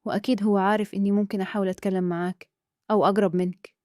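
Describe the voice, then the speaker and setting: A Kuwaiti woman voicing a calm scheming man. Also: mid-range voice, racing, no echo, studio quality, close to an everyday voice. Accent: Kuwaiti Arabic. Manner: calm, hushed, persuasive.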